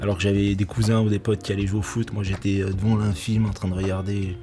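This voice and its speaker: Talking fast over background music, this middle-aged man from Portugal shares anecdotes from film sets in a casual interview. He's an actor and nightclub security manager whose fairly low voice barely moves in pitch, and he laughs frequently and starts sentences over.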